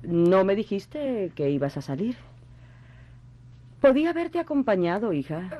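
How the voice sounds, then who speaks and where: A woman's voice: medium pitch, sing-song, muffled recording. An actress playing a domineering, commanding middle-aged mother in a radio drama. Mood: coaxing. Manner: stern, commanding, slow and deliberate.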